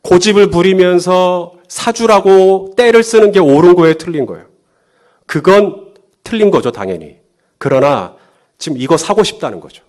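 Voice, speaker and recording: A male pastor preaching a sermon, lively, firing rhetorical questions at the congregation and acting out quotes. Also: high-pitched, moderate pace.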